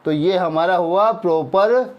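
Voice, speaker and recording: A man with a Hindi accent teaching English grammar, explaining slowly and checking in with the class after each point. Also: high voice, dull audio. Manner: slow explaining, drawn-out example sentences, frequent "theek hai na" checks. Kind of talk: classroom-style grammar lesson.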